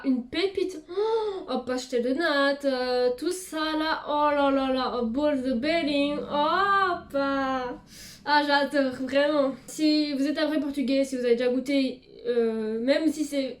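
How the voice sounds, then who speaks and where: Young woman vlogger: high, chatty, lots of exclamations, recorded in an echoey room. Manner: chatty, exclamations and many fillers. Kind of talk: casual chat to camera.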